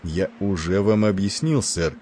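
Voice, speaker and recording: A man voicing a genial, wisecracking male ship's doctor with an Irish accent, talking with rough familiarity. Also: sits low, animated, unhurried, dark tone, a little hiss or hum.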